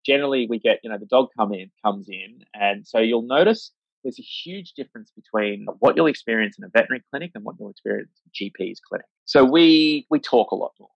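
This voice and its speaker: Speaking fast with few pauses, this mid-range, animated voice carries some vocal fry, with no room sound. The vet, a casual interview guest, wanders through his stories with plenty of fillers, voicing the people he quotes, all in a dry, somewhat dull recording.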